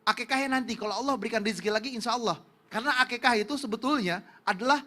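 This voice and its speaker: A man's voice: very high voice, rapid-fire, bright, forceful tone. A man preaching on a religious television talk show, explaining rulings earnestly with frequent fillers.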